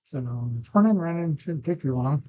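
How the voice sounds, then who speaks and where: A man's voice: on the high side, expressive, normal speed, darkish tone. A man presenting an informal screen-share tutorial, thinking aloud in a casual, off-the-cuff way, a little muffled on a makeshift mic. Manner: informal, thinking aloud, occasional throat clearing. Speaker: poker strategy video presenter. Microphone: makeshift mic, not a dedicated one. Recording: muffled, without a proper microphone.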